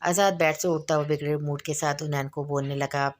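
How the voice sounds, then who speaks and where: Low, flat-voiced woman reading a novel. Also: fairly quick. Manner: steady reading with small slips and restarts. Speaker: audiobook narrator. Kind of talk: reading a romance novel aloud.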